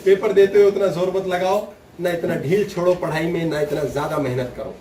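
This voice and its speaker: Male spiritual teacher, high voice, playful storyteller who acts out voices; distant mic, roomy echo. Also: steady tone, fairly quick, crowd noise. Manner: humorous storytelling, acts out voices, laughs often. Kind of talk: spiritual discourse to a live audience. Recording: echoey room, distant mic, faint noise.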